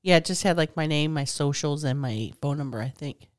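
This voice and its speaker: A woman's voice: low-pitched, a little fast. A woman co-hosting a podcast from a hotel room, congested from a cold, teasing in bawdy, playful chat. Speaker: podcast co-host. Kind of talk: casual chat.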